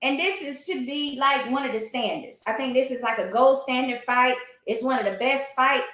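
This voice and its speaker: A woman in an animated, casual sports discussion, speaking emphatically and colloquially with strong opinions. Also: high-pitched, normal speed. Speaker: boxing talk show commentator. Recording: roomy, echoey sound.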